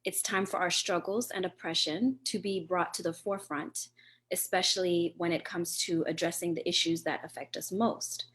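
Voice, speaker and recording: A woman moderating a virtual panel over a video call, politely guiding the speakers. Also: fairly low pitch.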